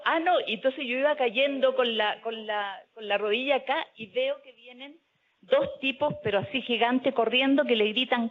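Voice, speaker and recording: Lady storytelling at a panel, gets loud, tinny lo-fi audio. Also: a little high. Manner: animated, loud when telling her story. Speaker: speaker at a panel discussion. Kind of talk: storytelling talk.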